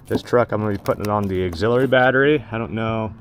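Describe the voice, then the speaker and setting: In and around a pickup truck, a man hosts a DIY install video, walking through the job step by step in a casual, plain-spoken, matter-of-fact way. His voice is lowish and fast, with steady background noise.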